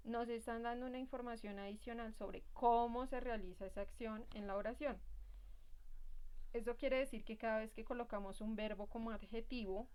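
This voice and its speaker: A woman's voice: mid-range voice, darkish tone. A woman English teacher, explaining a grammar lesson to her class and often checking that students follow along. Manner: explains patiently, keeps checking with "¿Listos?"; reads English examples slowly and carefully. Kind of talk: recorded online class explanation.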